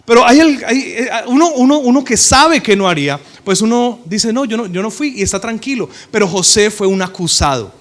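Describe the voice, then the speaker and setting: A man's voice: high-pitched, normal speed, hardly any pauses. A man preaching a sermon, telling the story animatedly and joking with the congregation. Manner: animated storytelling, acting out characters, joking with the audience.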